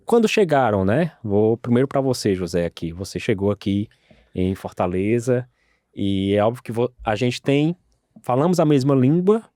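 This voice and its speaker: Man, Cearense Brazilian accent, host, friendly and affirming, low voice, dry sound. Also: warm tone, no echo. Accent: Cearense Brazilian Portuguese. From Ceará, Brazil. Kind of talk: casual interview.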